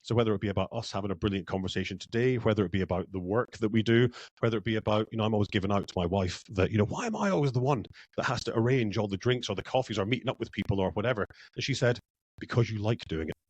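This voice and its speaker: A man's voice: lowish voice, racing, a little mellow, no echo, muffled recording. A man from Scotland, a guest in a podcast interview, talking reflectively and repeating words as he thinks. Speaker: guest, culture consultant.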